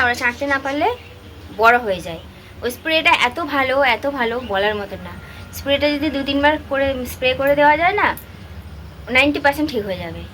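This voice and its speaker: Chatty homely woman with a high voice. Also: fairly bright tone, slight background noise. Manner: chatty, homely, talks straight to her viewers. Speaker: housewife vlogger. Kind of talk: casual vlog chat to viewers. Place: at home, indoors.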